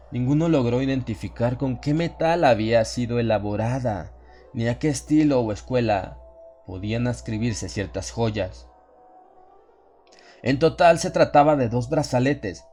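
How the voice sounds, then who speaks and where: With a slightly mellow, medium-pitched voice, a man narrates a first-person horror tale as a scripted audiobook. His reading stays measured, grave and dramatic throughout.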